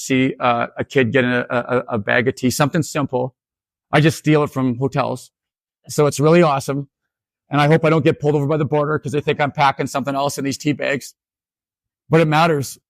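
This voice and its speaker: A man from northern Saskatchewan giving a storytelling keynote talk as an educator, animated, with frequent restarts and acted-out dialogue. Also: mid-range voice, creaky, dry recording, clean studio sound.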